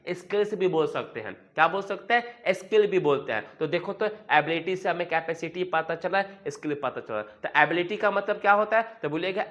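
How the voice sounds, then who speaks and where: Male teacher, fairly high voice, drills words by repeating them, muffled lo-fi audio. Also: a bit bright. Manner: repeats words, asks and answers his own questions. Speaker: English teacher. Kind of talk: vocabulary lesson. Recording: dull lo-fi sound.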